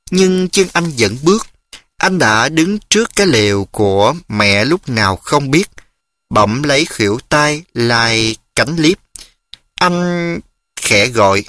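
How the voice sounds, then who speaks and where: A man reading a story aloud in a scripted, expressive narration, lifting his pitch on emotional phrases. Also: dry recording.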